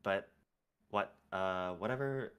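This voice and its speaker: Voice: low voice, takes it slowly, a bit bright, smooth. A guest from North America on a podcast, chatting in a laid-back, self-deprecating way with mock-serious asides. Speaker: guest, VTuber agency manager. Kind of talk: casual podcast chat.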